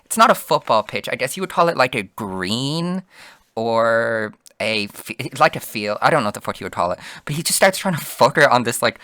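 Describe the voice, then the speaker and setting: A man's voice: medium pitch, expressive, normal speed, sharp tone, dry recording. A young man telling a story casually, rambling with heavy swearing and constant fillers. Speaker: vlogger.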